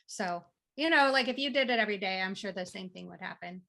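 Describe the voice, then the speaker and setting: A woman in her thirties from the American Midwest, answering interview questions in a relaxed, matter-of-fact way. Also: medium pitch, quick pace, creaky. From Midwest United States. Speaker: freelance writer, interview guest. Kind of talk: casual interview.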